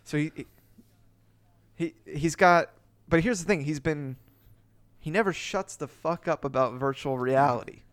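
A man's voice: a little high, unhurried, pauses often, clear, resonant tone, no echo. Man, podcast host, casual chat, rambling, swears freely, dry close sound. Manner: rambling, swearing, lots of restarts.

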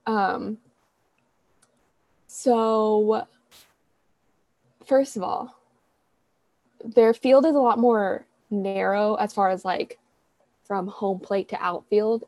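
This young podcast co-host chats casually, rambling along, often correcting herself and packing her talk with fillers. She speaks slowly with frequent pauses, in a medium-pitched, slightly mellow voice captured in a dry recording.

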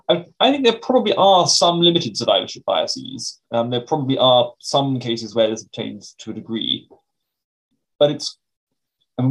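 A man's voice: mid-range voice, poor audio. A British man speaking as an academic interview guest, explaining things in a donnish, carefully qualified way.

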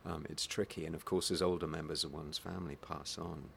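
A man with a Home Counties English accent talks in a very deep voice full of vocal fry. He is thoughtful and slightly hesitant, answering as an actor in an interview. Faint noise sits behind him. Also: flat delivery, brisk, fairly bright tone. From Hertfordshire, England. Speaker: stage actor being interviewed. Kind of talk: reflective interview conversation.

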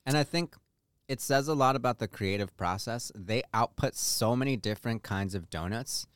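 A man co-hosting a podcast in relaxed, conversational chat. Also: mid-range voice, moderate pace, clean tone, no room sound, clean studio sound. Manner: relaxed, conversational, uses "like" often. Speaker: podcast co-host. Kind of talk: casual chat.

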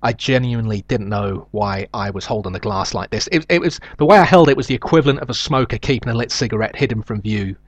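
A man's voice: on the low side, no echo. Middle-aged man, nasal South London accent. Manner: hesitant, deliberate, self-deprecating. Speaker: show host. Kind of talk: rambling comic monologue.

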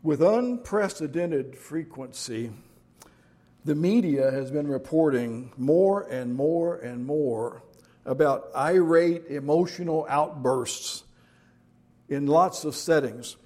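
A man's voice: a little high, takes it slowly, a little mellow. A middle-aged man preaching a sermon as pastor, telling jokes and stories in a folksy way. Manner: folksy joke-telling storyteller.

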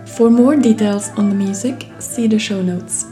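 A woman hosting a podcast, reading a clear, measured introduction and asking her guest questions. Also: medium pitch, over music. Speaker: podcast host. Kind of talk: scripted podcast intro and interview.

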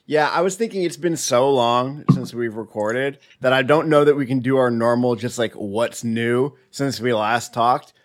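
A man's voice: mid-range voice, normal speed, hardly any pauses. Joking man co-hosting a podcast. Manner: joking, teasing. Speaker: podcast co-host. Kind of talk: casual chat.

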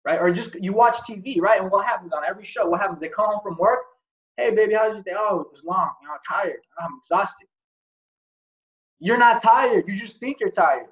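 A man's voice: high voice, rough recording. A man giving a casual motivational talk as host, blunt and profane, asking many rhetorical questions. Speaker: podcast host.

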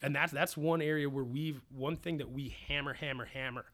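A man with an Upper Midwest American accent, a distiller talking in a casual podcast chat, jokey and animated as he tells stories. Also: mid-range voice. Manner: fast, animated, jokey storyteller.

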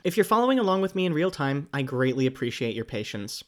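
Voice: mid-range voice, sing-song, fast. An American graduate student in their twenties hosting a hobby podcast, chatting casually with wry, self-mocking asides. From United States. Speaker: podcast host.

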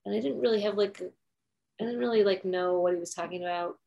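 A woman's voice: mid-range voice, fast talker, creaky, warm tone, highs cut off. A woman co-hosting a podcast in casual chat, talking loosely with lots of "like" fillers and laughing easily. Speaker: podcast co-host.

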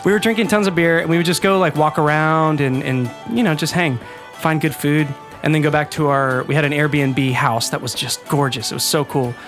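A young man from Texas, a podcast co-host, telling jokey, animated stories in casual chat. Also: on the high side, a little fast, soft background music.

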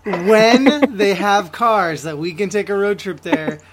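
This podcast host's voice sits in a middle pitch. The host jokes playfully with the guest and laughs often. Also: takes it slowly, crowd noise. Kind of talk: casual interview.

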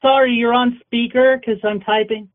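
A man's voice: very high voice, little pitch movement, moderate pace. A man working as a casting agent, talking hesitantly with many restarts, heard over a phone speaker. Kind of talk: phone call. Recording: tinny phone line.

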